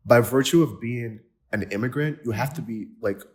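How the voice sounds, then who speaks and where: In a mid-range, slightly mellow voice at normal speed, a Nigerian man hosts a relaxed podcast interview. He sounds enthusiastic, often using fillers and starting his sentences over.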